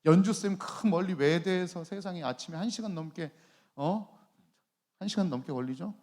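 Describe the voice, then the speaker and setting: A man in his forties preaches to a youth group with a fairly high voice. He keeps tossing questions to the listeners and answering them himself. He teases the young people by name in a playful way. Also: moderate pace, darkish tone. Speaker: youth pastor.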